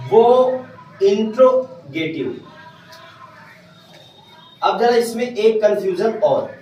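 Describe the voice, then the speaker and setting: A man's voice: high voice, darkish tone, a little hiss or hum. A man teaching a grammar lesson to a class, often stopping to check whether his students have understood. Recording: echoey room from far off.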